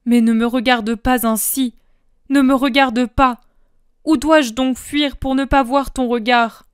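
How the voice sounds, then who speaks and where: Woman voicing a terrified sinner man, high strained voice, loud, pleading, smooth tone. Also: steady tone, measured pace, no room sound, studio quality, lightly acted. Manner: pleading and frantic. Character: terrified remorseful male sinner, begging for mercy.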